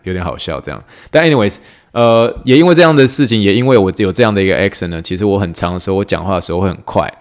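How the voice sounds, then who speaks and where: A man hosting a casual podcast, a physical therapist who talks fast and laughs often, slowing down for English phrases. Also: sits low. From Taiwan. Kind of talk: casual podcast monologue teaching clinical English.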